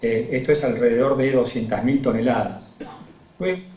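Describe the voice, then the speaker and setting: Argentine-accented male researcher, measured technical talk with many fillers, muffled video-call audio with room echo. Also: medium pitch, steady tone, dark tone. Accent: Argentine Spanish. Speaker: agronomy researcher.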